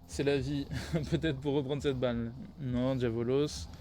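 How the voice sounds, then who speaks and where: A man's voice: mid-range voice, fairly even intonation, a little slow, warm tone, slight background noise. A man casting a video game match live for a stream, tired, rambling and correcting himself as he goes. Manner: rambling, self-correcting, laughs at own slips. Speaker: esports caster.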